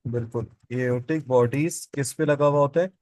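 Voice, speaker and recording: A male biology teacher, speaking at a middle pitch and lecturing to a classroom. He puts questions to the students and then answers them himself, saying each key term twice. The sound is close and dry. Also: moderate pace, a little mellow, no echo.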